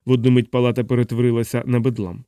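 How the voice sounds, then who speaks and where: Dark-voiced male audiobook narrator. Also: mid-range voice, rapid-fire, clean tone, no room sound, clean studio sound. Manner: steady, even literary reading.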